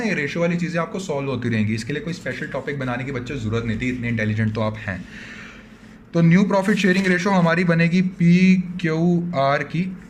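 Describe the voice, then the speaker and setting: Indian teacher man, slightly high voice. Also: a little hiss or hum. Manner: talks to students as "बच्चों", voices their questions in reply. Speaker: commerce teacher. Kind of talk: online accountancy lecture.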